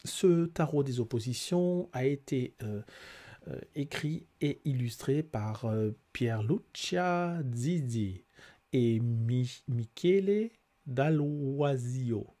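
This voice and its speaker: A man who works as a tarot reader and life coach casually reviews two tarot decks, comparing them in a slow, mellow, medium-pitched voice with lively intonation. He sounds hesitant, using frequent fillers and restarting as he explains.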